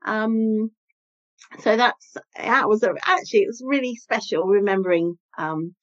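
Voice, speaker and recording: A woman's voice: medium pitch, measured pace. A woman chatting casually and hesitantly as a podcast guest, in a giggly conversational style. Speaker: podcast guest, priest in training. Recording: slightly dull, lo-fi sound.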